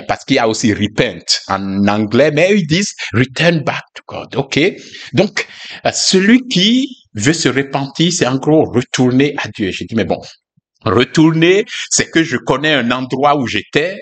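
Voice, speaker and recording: A man giving an informal, conversational sermon, musing aloud with frequent fillers and asides. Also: mid-range voice. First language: not English. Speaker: preacher.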